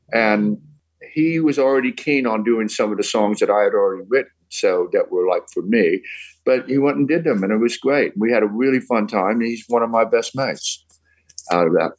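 A man's voice: fairly low pitch, rough recording. An older man from England, a songwriter guest telling long, rambling anecdotes in casual podcast chat, dropping British slang.

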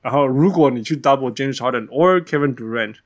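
A man's voice: mid-range voice, brisk. A man with a Taiwanese accent chatting casually about sports as a host, switching between Mandarin and English mid-sentence and repeating phrases for emphasis. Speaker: podcast host.

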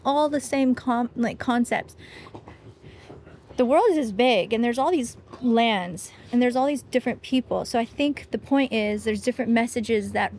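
A woman talking as a guest in a casual conversation, animated and chatty with lots of fillers. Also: a little high, unhurried, a little hiss or hum. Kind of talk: casual conversation about faith.

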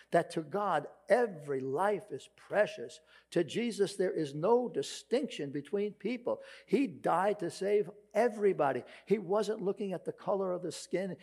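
A male pastor with a Brooklyn accent delivers a sermon in a fairly high, mellow voice. He preaches with emphasis but keeps it conversational, often putting rhetorical questions to his listeners. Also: husky. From Brooklyn, New York.

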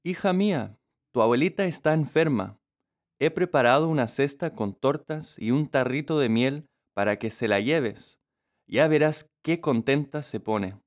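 A man voicing a caring mother who gently warns her young daughter, speaking in a raised, soft tone. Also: medium pitch, expressive, unhurried, voice pushed up. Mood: tender. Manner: gentle, warning.

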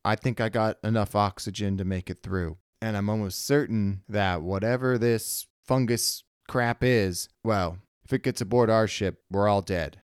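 Brief: a man playing a weary starship captain, tense and commanding, clear and dry. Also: fairly low pitch, steady tone, moderate pace, hardly any pauses, no room sound, natural voice.

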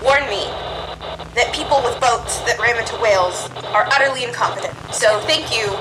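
A woman's voice: fairly high pitch, moderate pace, background noise. A woman playing a tabletop game, delivering sarcastic, cutting remarks. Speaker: player.

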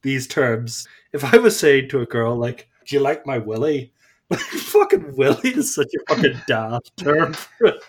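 Brief: playful man, mid pitch, swings up and down a lot, casual swearing. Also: wildly swooping pitch, a little slow, a little hiss or hum. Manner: laughs often, mimics silly voices, swears casually. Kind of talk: casual chat.

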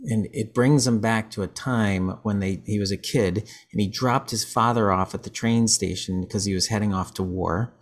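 A man's voice: lowish voice, fairly even intonation, moderate pace, few pauses. A man hosting a podcast, telling stories in casual chat, rambling with many restarts. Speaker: podcast host.

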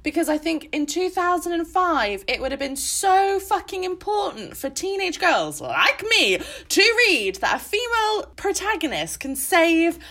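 Bright, animated woman. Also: very high-pitched, unhurried, hardly any pauses. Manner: animated, emotional, laughs often. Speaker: podcast co-host. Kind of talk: casual book-club chat.

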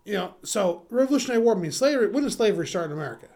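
This podcast co-host speaks in a fairly high, slightly mellow voice with lively intonation and vocal fry. Chatting casually, he swears freely and laughs often. He stumbles through his thoughts, halting with plenty of fillers.

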